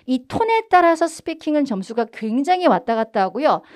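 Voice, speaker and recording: A young woman teaching English speaking for a test, energetic and stressing words hard when she models phrases. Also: high-pitched, a little fast. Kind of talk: online lecture.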